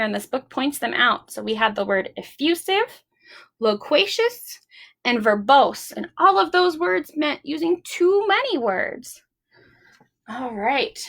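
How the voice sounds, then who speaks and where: Hosting a library storytime, a woman with a high, gravelly, slightly bright voice reads a picture book aloud. She reads expressively and keeps her words simple for young listeners.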